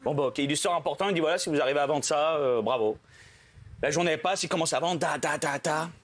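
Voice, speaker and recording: A young male comedian with a notably high voice works through a run of stand-up jokes. He acts out every character's lines himself, jumping his pitch up or down for each one as he tells the story. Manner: quick joke delivery, acts out characters' lines with shifting pitch. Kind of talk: stand-up joke telling.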